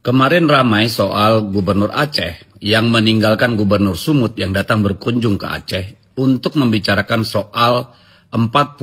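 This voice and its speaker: A man's voice: on the low side, fairly bright tone, slightly rough. A man giving commentary, posing rhetorical questions.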